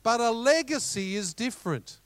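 A middle-aged Australian man preaching a sermon as pastor, animated, with rhetorical questions and storytelling asides. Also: very high voice, normal speed, clean tone, no echo.

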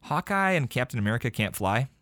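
A man co-hosting a casual podcast about retro games, talking with animated enthusiasm. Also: mid-range voice, fast, no room sound. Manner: enthusiastic, animated retelling with shouted quotes. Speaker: podcast co-host.

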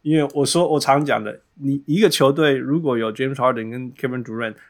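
Taiwanese-accented man, creaky voice, bilingual sports chat. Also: mid-range voice, steady tone, brisk. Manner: switches between Mandarin and English mid-sentence. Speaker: podcast host.

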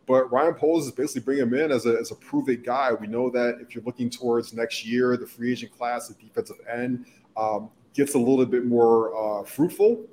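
A man's voice: mid-range voice, a little mellow. A man co-hosting a football talk show fills in for the regular, posing questions and weighing a signing. His voice sits in a middle register, with a faint noise beneath it. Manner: asks questions, then gives measured opinions. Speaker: substitute co-host. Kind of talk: casual football podcast talk.

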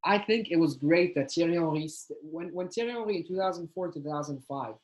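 A man co-hosting a casual football chat, animated and slangy, often talking over his partner. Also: on the high side, brisk, poor audio. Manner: animated, swears, says "bro", talks over his partner. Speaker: podcast co-host.

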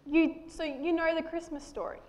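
A woman's voice: extremely high pitch, fairly even intonation, moderate pace. A woman, patiently talking with a puppet in a children's church show. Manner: patient, gently correcting.

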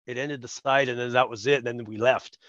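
A man's voice: medium pitch, a little fast, no room sound, highs cut off. A man co-hosting a podcast, telling a story in casual chat and laughing often. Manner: animated, laughs often, acts out quotes. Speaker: podcast co-host.

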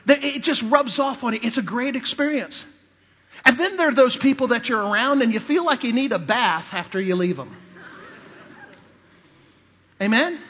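This male preacher and missionary has a very high, animated voice that is slightly rough, moving at a moderate pace with long pauses. In his sermon he tells funny personal stories and calls out to the congregation, captured in a dull lo-fi recording inside a reverberant hall.

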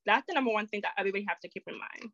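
Quick-talking woman, guest on a call, lo-fi dry audio. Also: mid-range voice, no echo. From an island. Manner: fast-talking, lively, laughs easily. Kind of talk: casual interview. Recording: dull, dry lo-fi sound.

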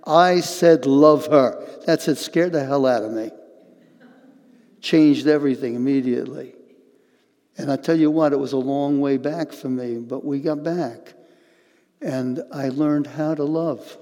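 An older man preaching a sermon as pastor, earnest and halting, often repeating words as he goes. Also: medium pitch, dark tone, big-room sound.

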